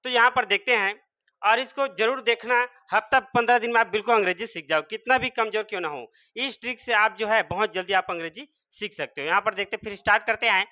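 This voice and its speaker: In a classroom-style lesson on English spelling and pronunciation, a man sounds out words letter by letter. He keeps repeating rhetorical questions and answering them himself. His voice is high-pitched, fast, bright and forceful.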